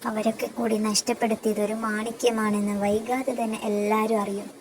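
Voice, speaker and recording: Caring elder sister, soothing but firm, high voice, narrow melody, as a woman reads her, storybook. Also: flat delivery, fairly quick, a little mellow, a little hiss or hum, natural voice. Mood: consoling.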